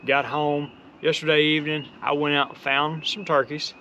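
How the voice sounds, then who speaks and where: A man's voice: a little high, flat delivery, moderate pace, pushed and bright, highs cut off, slight background noise. A man chatting casually for a hunting vlog in a folksy country drawl. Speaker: turkey hunter.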